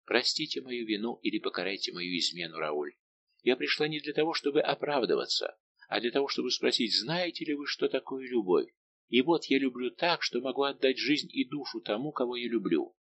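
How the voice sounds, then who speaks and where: A man's voice: medium pitch, lively intonation, fairly quick, a bit bright, muffled recording. Man voicing a tearful pleading noblewoman. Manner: emotional, imploring. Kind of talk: audiobook dialogue reading.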